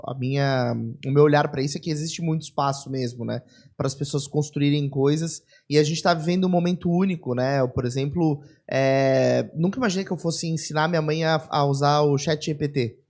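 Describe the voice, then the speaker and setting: Male podcast host, slightly high-pitched; relaxed, reflective, some restarts. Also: fairly quick, few pauses. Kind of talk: casual interview chat.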